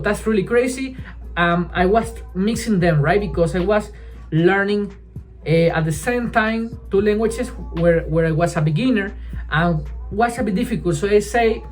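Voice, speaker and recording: Speaking to camera at a medium pitch, this native Spanish-speaking woman vlogs casually about language learning. She halts and starts over frequently and keeps tagging her sentences with "right?".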